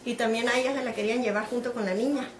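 A woman's voice: a little high, racing. A middle-aged woman from Mexico, telling an interviewer what happened to her daughter and acting out the dialogue as she goes. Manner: animated storytelling, acting out quoted dialogue. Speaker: interviewee, mother of the detained woman. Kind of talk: emotional personal account. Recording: echoey room.

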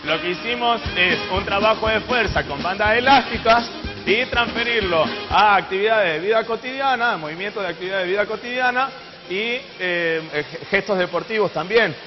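His voice is high and his pace moderate as he guides and motivates during a live exercise segment. He's a young Argentine fitness trainer in an indoor TV studio, captured in dull, echoey television audio with music underneath.

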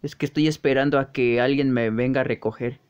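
A man voicing a gruff, sulky grown man who keeps waiting for his mommy. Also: medium pitch, steady tone, fairly quick, voice pushed down, lightly acted.

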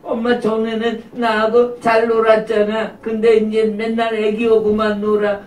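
A woman's voice: fairly high pitch, monotone, moderate pace, a little mellow, voice pushed up, natural voice. A woman voicing a jealous little girl puppet who pleads in a whiny way in a children's puppet show. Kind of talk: live puppet show for preschoolers. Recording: roomy, distant live room recording.

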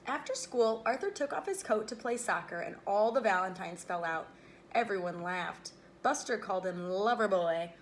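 Lively woman reading a children's book aloud. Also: medium pitch, moderate pace, a little hiss or hum. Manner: expressive, with playful asides. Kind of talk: read-aloud storytelling.

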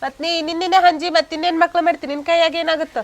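A woman's voice: very high-pitched, level tone. A young woman playing a scornful, reproachful bride with a North Karnataka Kannada accent in a village comedy skit. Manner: rapid, reproachful. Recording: loud background noise.

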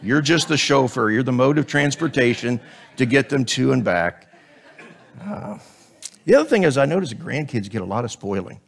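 Here a man preaches as a guest speaker, his mid-range, scratchy voice showing vocal fry as he talks at normal speed with lively intonation. Using a headset mic at a church pulpit, he keeps the sermon chatty, slipping jokes in between scripture readings.

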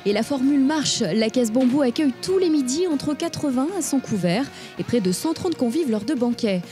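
A woman reads a scripted business portrait in a smooth, polished voice-over style. Her voice sits high but sounds soft and warm. Faint music runs beneath her. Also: expressive, normal speed. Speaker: narrator and interviewer. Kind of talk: scripted narration.

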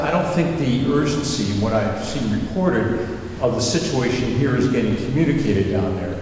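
A man, a select board member from a nearby town, speaking in a measured, thoughtful way at public comment. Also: lowish voice, darkish tone, slight background noise. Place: town meeting room. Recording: echoey hall from far off.

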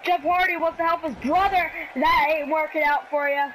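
A woman casually commentating on a wrestling video game as she plays, calling the action in an excitable, scrappy way. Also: high voice, normal speed, a little hiss or hum, low-quality recording.

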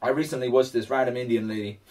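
A man chats loosely while he paints, rambling on and talking to himself. His voice sits at an everyday middle pitch. He sounds distant, picked up far from the microphone. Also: fairly even intonation, quick pace, a little mellow. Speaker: vlogger. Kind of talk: casual chat while painting.

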